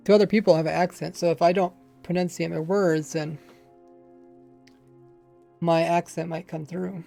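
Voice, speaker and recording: A man chats and rambles through a Minecraft livestream in a fairly high, gravelly, warm voice at normal speed with mostly even intonation. He mumbles slightly, speaks lazily with a faint accent, and faint music plays behind him.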